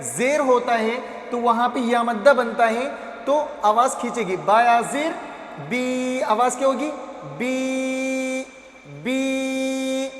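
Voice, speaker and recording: A man teaching a Quran reading primer, drawing out syllables in slow chant between quick explanations and asking then answering his own questions. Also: very high-pitched, steady tone, a bit bright, echoey room, in a large hall.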